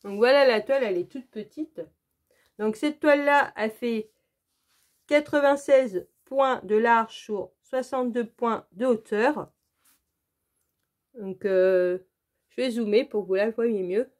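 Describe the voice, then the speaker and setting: A woman with a slightly high voice talks casually through a crafting unboxing. She leans on fillers like "donc, euh" and "franchement" and speaks straight to her viewers. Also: measured pace, long pauses, a little mellow. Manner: chatty, repeats "donc, euh" and "franchement", addresses viewers directly. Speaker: crafting channel host.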